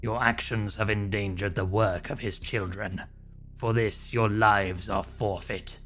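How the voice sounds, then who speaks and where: A man voicing a stern demonic judge from a video game, in a slow, solemn, possessed manner of pronouncing doom. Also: lowish voice, steady tone, a bit bright, voice pushed down. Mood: menacing, judging. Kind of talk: dramatic video game role-play. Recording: music behind the voice.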